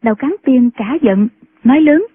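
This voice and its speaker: Husky woman narrating a martial-arts audiobook. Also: high-pitched, normal speed. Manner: steady storytelling. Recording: tinny phone-like sound.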